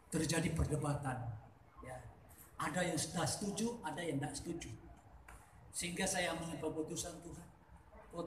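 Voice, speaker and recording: A middle-aged man preaching a sermon, swinging between soft, intimate asides and loud, fervent peaks. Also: on the high side, echoey room, slight background noise.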